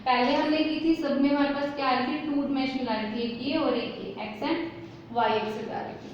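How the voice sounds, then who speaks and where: A woman with a high voice teaches a chemistry class, asking questions and answering them herself. The sound is dull and lo-fi, with faint noise behind it. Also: steady tone, fairly quick, very echoey. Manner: asks questions and answers them herself, mixing English terms into Hindi. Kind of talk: classroom lesson explaining at a board.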